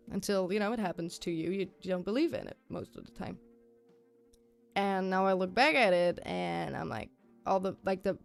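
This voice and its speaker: A woman's voice: lowish voice, gravelly. Chatty, rambling woman streamer over music. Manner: rambling, chatty, repeating herself; informal, sweary. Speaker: live streamer. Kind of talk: casual livestream chat. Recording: music playing behind the voice.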